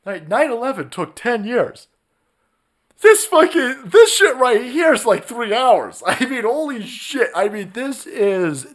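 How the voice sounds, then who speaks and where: Guy ranting on his stream, swears a ton, laughs, voice jumps all over. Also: high voice. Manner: profane, mocking, laughs often. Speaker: live streamer. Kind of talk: ranting live-stream commentary.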